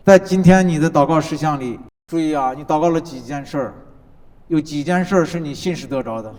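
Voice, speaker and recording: A man preaching a sermon as pastor, building points through rhythmic repetition and dropping from loud declarations to soft, low asides. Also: brisk. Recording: long reverb of a large hall.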